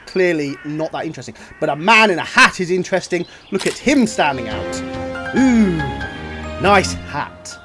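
Animated man joking over game music. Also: high-pitched. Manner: animated, joking, self-mocking, exclaiming. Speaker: gaming video host. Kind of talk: playthrough commentary.

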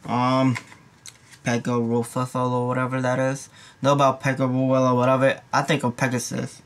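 A man's voice: medium pitch, completely flat delivery, moderate pace. A young man and nursing student giving a casual, rambling exam review, full of slang and repeated asides. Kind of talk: casual study review vlog.

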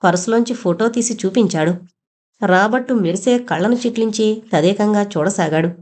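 A woman's voice: medium pitch, normal speed, a little mellow. A woman reading an audio novel aloud, narrating and voicing every character herself with small shifts in her voice.

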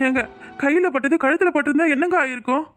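A woman's voice: high voice, fast talker, fairly bright tone, faint music behind, voice pushed up. A woman with a Kanyakumari Tamil accent voicing a caring, worried young man in a cartoon, pleading and reproachful.

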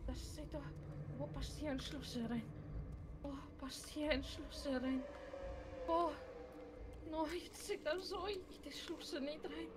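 A woman's voice: high voice, fairly even intonation, measured pace, pauses often. A woman playing a frightened young woman in a live game roleplay who panics, babbles to herself and slips into Spanish exclamations. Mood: panicked. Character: frightened young woman lost in a horror scene. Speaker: roleplay streamer. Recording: game noise behind the voice.

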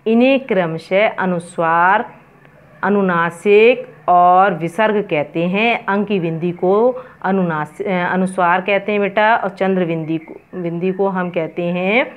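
A woman's voice: lowish voice, takes it slowly, narrow, tinny audio. A woman teaching an online grammar lesson, patiently repeating terms and asking the students questions.

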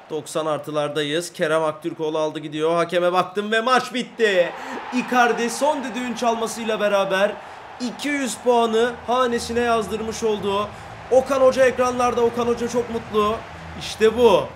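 A young man playing a football video game, switching between laid-back chat and loud excited play-by-play. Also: a little high, slight background noise. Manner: swings from calm chat to shouted play-by-play. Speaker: gaming YouTuber.

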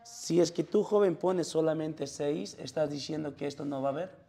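Peruvian male math teacher, slightly high, gravelly voice, questions the class nonstop. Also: normal speed, dark tone. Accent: Peruvian Spanish. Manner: quizzes students constantly, calling them "joven".

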